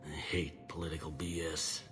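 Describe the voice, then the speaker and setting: A male actor voices a blunt, weary, middle-aged security captain on a video game space station, gruff, wry and plain-spoken, laughing off questions. His very deep voice is fairly bright in tone, with flat delivery at a moderate pace, and faint music plays behind him.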